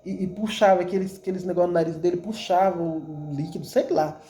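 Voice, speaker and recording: A woman's voice: on the low side, fairly even intonation, quick pace, warm tone, slight background noise. A woman with a Brazilian Portuguese accent gives a religious testimony to her congregation. She repeats words often as she tells her story with feeling. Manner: emotional, repetitive storytelling addressed to the congregation. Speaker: church member giving a testimony.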